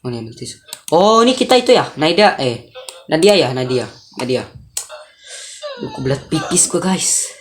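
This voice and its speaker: A woman's voice: deep voice, expressive, normal speed, long pauses, a little hiss or hum. A woman giving casual gameplay commentary as host, chatty, sighing and groaning as she talks to her viewers. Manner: chatty, sighs and groans, addresses viewers as guys. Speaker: gaming host.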